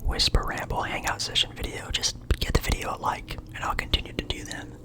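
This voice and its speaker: A young man from Portland whispering a relaxed, rambling ASMR chat in his apartment. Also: a little fast. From Portland, Oregon, USA. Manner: soft rambling whisper, friendly and chatty. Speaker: ASMR creator.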